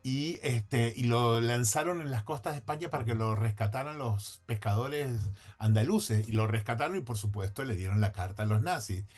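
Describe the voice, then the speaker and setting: Male guest, mid-range pitch, chatty and hedging, talks in loose sentences with many restarts. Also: moderate pace, hardly any pauses, darkish tone. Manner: thinks aloud, frequent restarts and self-corrections; hedging, conversational. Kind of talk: casual podcast conversation.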